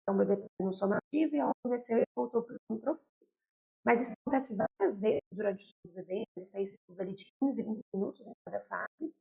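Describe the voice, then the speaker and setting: Her mid-range voice is gravelly and warm, and she talks at a quick pace on a low-quality recording. A young Brazilian pediatrician with a Brazilian Portuguese accent, she gives parents a direct educational talk on baby care, checking in with "tá?" and "né?".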